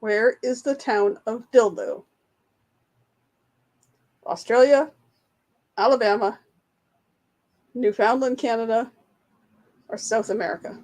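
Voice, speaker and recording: Slow, chatty woman hosting trivia. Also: on the high side, steady tone, darkish tone. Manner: reads questions aloud, greets and answers chat viewers, laughs at herself. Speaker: trivia livestream host. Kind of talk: casual live-chat trivia quiz.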